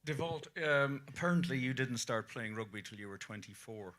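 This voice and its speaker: A man's voice: medium pitch, lively intonation, normal speed, fairly bright tone. A man hosting a live sports interview, putting questions to guests as a rugby commentator would.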